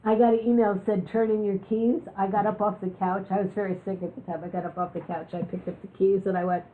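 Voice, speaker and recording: A woman's voice: medium pitch, little pitch movement, quick pace, a little hiss or hum. A woman giving a talk on living with chronic illness, telling candid personal stories with jokes. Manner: candid, joking storyteller. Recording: lo-fi, phone-like recording.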